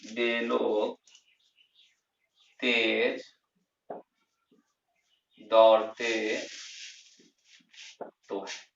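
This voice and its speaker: A man's voice: lowish voice, completely flat delivery, gravelly, fairly bright tone. A man gives a grammar lesson, asking questions and answering them himself as he drills each term. He sounds set back from the mic. The room is echoey and the audio dull. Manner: repeats key terms, slow and emphatic, asks and answers himself. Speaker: English grammar teacher. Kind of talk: classroom lesson explaining grammar. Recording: roomy, distant, dull lo-fi sound.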